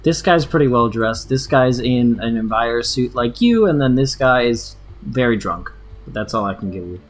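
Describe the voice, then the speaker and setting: A man of average pitch acts as game master, narrating a tabletop session off the cuff in a casual way. Faint music sits underneath. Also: lively intonation, normal speed.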